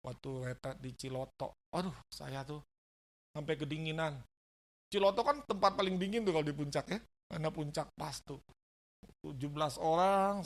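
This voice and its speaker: A man preaching a sermon as a pastor, telling stories animatedly, acting out the dialogue and asking the congregation questions. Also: fairly high pitch. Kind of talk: sermon with storytelling. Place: church service.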